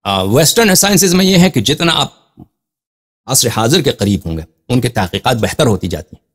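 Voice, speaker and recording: Animated man explaining Quran commentary. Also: mid-range voice, husky. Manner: reads Arabic passages slowly, then explains them in Urdu; repeats phrases for emphasis with rising questions. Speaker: religious scholar. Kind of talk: Quran commentary lecture on a live show.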